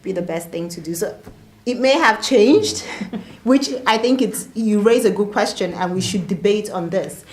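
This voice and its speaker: A woman's voice: medium pitch, measured pace. A woman moderating a panel discussion, speaking earnestly and with conviction, often repeating words. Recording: echoey room, faint noise.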